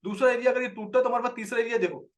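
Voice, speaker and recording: A man's voice: very high voice, very fast, distant mic. A man with an Indian accent teaching a live trading lesson, explaining a chart and answering viewers by name.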